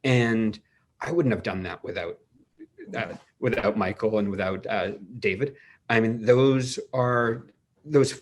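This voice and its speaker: A man's voice: lowish voice, slight background noise. A man in his forties from New England, a winemaker guest in a casual video-call interview, explaining things with enthusiastic, rambling restarts. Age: 40s.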